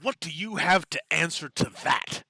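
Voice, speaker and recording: A man voicing a shrill, accusing townswoman head. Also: moderate pace, vocal fry, pushed and bright, no echo, exaggerated voice. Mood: angry, accusing. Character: tired, angry human woman's head of a two-headed creature.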